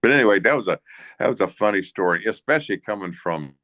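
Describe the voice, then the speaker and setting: A man being interviewed as a hunting guide, telling a casual story in a rambling, halting way with many restarts and chuckles. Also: fairly low pitch, expressive, fairly bright tone, no room sound. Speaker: guest, hunting guide and bush pilot.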